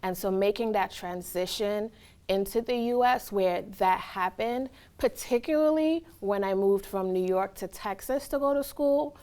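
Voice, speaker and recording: A college staff member from Trinidad and Tobago answers questions in a casual interview, her medium-pitched voice a little mellow. Her replies are reflective and earnest, and she often checks in with "right?".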